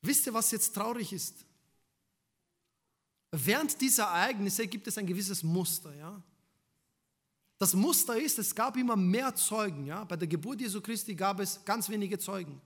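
A man preaching a sermon, putting rhetorical questions to the congregation and swinging between loud emphasis and hushed lines. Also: sits high, normal speed, pauses often.

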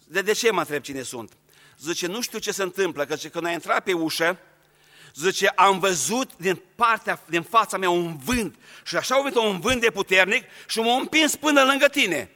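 A man's voice: sits high, lively intonation, pushed and bright, long reverb tail. A man preaching a sermon, speaking earnestly and straight to his congregation. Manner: earnest, addresses the congregation directly.

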